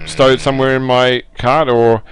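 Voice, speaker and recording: A man's voice: mid-range voice, little pitch movement, moderate pace, faint music behind, pitched above the performer's own voice, close to an everyday voice. A man doing a courteous wasteland trader. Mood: welcoming. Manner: polite, salesman-like. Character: friendly male wasteland merchant trader.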